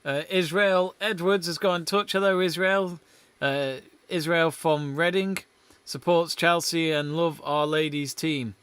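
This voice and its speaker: Young man, football watch-along host, casual chatty commentary, reads out viewer messages, smooth clear voice, dry close sound. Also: on the high side, fairly even intonation, a little slow, a bit bright, dry recording.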